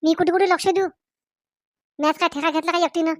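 A woman playing a nagging middle-aged mother-in-law in a comedy sketch, sharp and scolding, with a Varhadi Marathi accent. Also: very high-pitched, fairly even intonation, brisk, no echo, studio quality.

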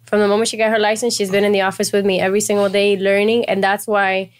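A woman's voice: medium pitch, flat delivery, fast. A young woman born in Cuba, a realtor guest on a podcast, explaining her business at length in casual chat. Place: small office studio. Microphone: boom mic on desk.

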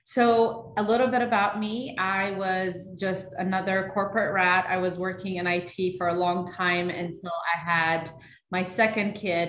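A woman's voice: medium pitch, fairly bright tone, roomy sound, slight background noise. A young woman, a stay-at-home mom and volunteer, introducing herself in an upbeat, chatty way on a video call.

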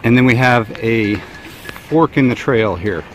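A man in his thirties narrates a family hiking vlog on a forest trail, holding the camera at arm's length to film himself. His mid-range voice moves a little slowly, and his manner is relaxed, chatty and observational. Outdoor noise sits behind him.

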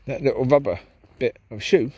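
A man with a medium-pitched, warm voice and a breathy edge speaks at a moderate pace. He is a vlogger walking his dogs on an outdoor park path at night, talking casually and reflectively to a handheld camera in a rambling walk-and-talk.

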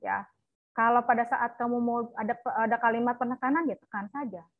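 Middle-aged female lecturer, chatty coaching tone, higher voice, dry phone-quality audio. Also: fairly quick, dry recording. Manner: chatty, frequent "ya" and "nah" fillers. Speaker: university lecturer. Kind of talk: online lecture to students. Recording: thin phone-like sound, dry.

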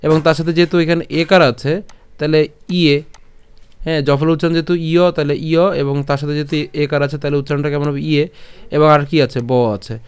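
A man teaching verse pronunciation in a patient, step-by-step way, asking and answering his own questions and chanting verse lines slowly. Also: fairly high pitch, fairly even intonation, clear, resonant tone. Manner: slow drawn-out chanting of verses. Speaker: Gita recitation teacher. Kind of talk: pronunciation lesson.

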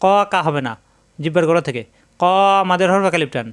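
A man teaching Quran recitation rules step by step. He explains each rule over and over and then chants the words in long, drawn-out tones. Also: on the high side, lively intonation. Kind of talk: tajweed lesson, explaining and demonstrating recitation.

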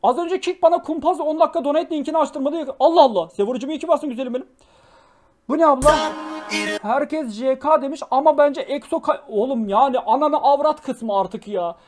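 A young man streaming live, reacting to clips with loud exclamations, mock scolding and swearing. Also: very high voice.

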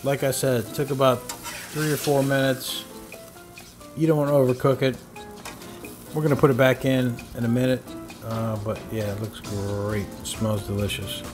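A relaxed man talks through his cooking step by step in a casual, friendly demo voice. His pitch sits in the middle. He is recorded outdoors on a phone camera, with music running clearly beneath him. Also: normal speed. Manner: easygoing, talks viewers through each step. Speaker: cooking channel host. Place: outdoors at a griddle on a patio.

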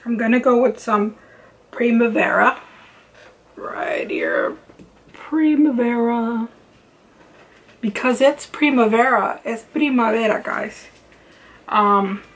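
A young woman rambles cheerfully while doing her makeup at home, recorded on a close camera mic. She talks in loose, chatty runs, stacking "like" and "um" as she goes. Her voice sits at a middle pitch for a woman. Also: poor audio. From Los Angeles, United States. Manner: chatty, rambling, many "like" and "um" fillers. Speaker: beauty vlogger. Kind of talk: casual makeup tutorial chat. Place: home bedroom with lamps and makeup shelves.

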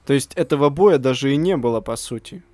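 A man's voice: medium pitch, lively intonation, a little fast, darkish tone. Guy casually commentating his game, slangy and grumbly, bit of music behind. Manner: informal, slangy, self-deprecating grumbling. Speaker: gaming video host.

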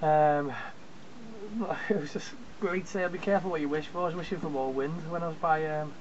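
A man's voice: fairly high pitch, fairly even intonation, moderate pace. A man, recording a chatty, rambling video diary at arm's length on a small sailboat. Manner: chatty, rambling with many ums. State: exhausted. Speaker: solo sailor. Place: small sailboat at sea, outdoors. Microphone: camera held at arm's length. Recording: dull sound with loud wind noise. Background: wind and water noise.

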